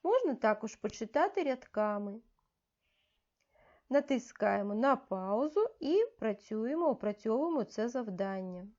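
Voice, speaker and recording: A woman teacher leading a reading lesson for young children, giving slow, clearly articulated, coaxing instructions. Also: fairly high pitch, big pitch swings, a little mellow. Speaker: primary school teacher. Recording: dull, muffled lo-fi audio.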